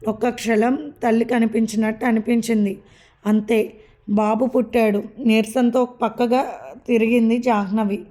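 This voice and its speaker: A woman narrating a family story as a storybook reader, steady and measured. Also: a little high.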